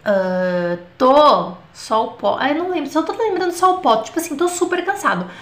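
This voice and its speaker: A woman's voice: high voice, lively intonation, normal speed, fairly bright tone. A woman teaching French in a live online lesson, chatty and often checking in with the viewers. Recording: roomy echo.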